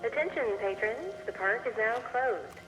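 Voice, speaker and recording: Park announcer over a loudspeaker. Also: female voice, fairly high pitch, animated, music in the background. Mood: formal. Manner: formal, measured announcing. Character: calm adult female park announcer. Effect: outdoor park loudspeaker. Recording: far-off loudspeaker with long reverb.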